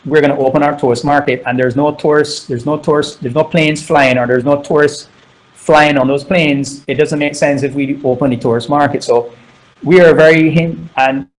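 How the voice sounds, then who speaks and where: This middle-aged Barbadian man, a guest entrepreneur, answers interview questions in a measured way, often repeating words as he collects his thoughts. His voice sits on the high side with a steady tone, and the audio quality is poor.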